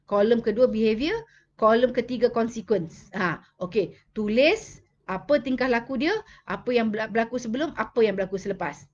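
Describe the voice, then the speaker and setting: A woman's voice: a little high, moderate pace. Woman, Malaysian accent, casual live-stream talk, answers comments, muffled recording. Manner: chatty, answers viewer comments, mixes in English. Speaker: child behavior specialist hosting a live stream. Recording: dull lo-fi live-stream audio.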